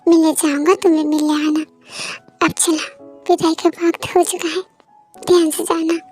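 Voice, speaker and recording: A woman's voice: very high voice, level tone, normal speed, darkish tone, soft background music. A woman voicing a loving father tenderly reassuring his departing daughter.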